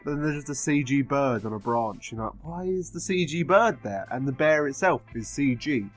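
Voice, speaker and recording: A man's voice: mid-range voice, lively intonation, moderate pace. Tipsy, rambling man over music. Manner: frequent swearing. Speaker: film reviewer. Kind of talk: casual rambling film review.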